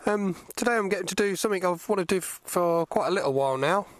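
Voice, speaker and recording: A man's voice: high-pitched, animated, fast, no room sound. A man speaking from inside a motorcycle helmet, giving a casual spoken review as he rides outdoors, with wind and road noise around the mic. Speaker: vlogger test-riding a motorcycle.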